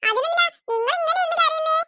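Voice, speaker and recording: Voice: extremely high pitch, racing, pushed and bright, dry recording, full character voice. A voice actor playing a cheerful young bride in a cartoon who talks in a chatty, teasing way. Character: kind young bride, cheerful adult woman. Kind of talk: Malayalam cartoon voice acting.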